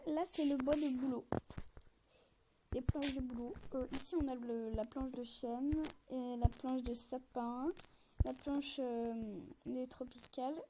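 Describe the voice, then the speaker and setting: A young woman casually commenting on a game texture pack at night, speaking softly and half-whispering, with many fillers and restarts. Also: sits high. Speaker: gamer showing a texture pack. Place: bedroom at night. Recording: noisy home recording.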